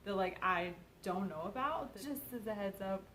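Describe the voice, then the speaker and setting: A woman's voice: medium pitch, expressive, moderate pace, a bit bright, a little hiss or hum, rough recording. A young woman from Kentucky with a faintly Southern accent, co-hosting and rambling through casual explanations. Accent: mild Kentucky Southern. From Kentucky, USA. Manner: rambling, filler-heavy. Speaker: co-host. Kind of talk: casual chat.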